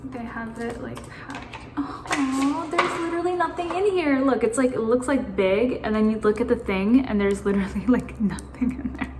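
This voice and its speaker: A woman's voice: a little high, fairly even intonation, moderate pace, echoey room, noisy background. A woman vlogging casually on a phone camera, anxious and rambling, swearing now and then. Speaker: beauty vlogger. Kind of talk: casual chat.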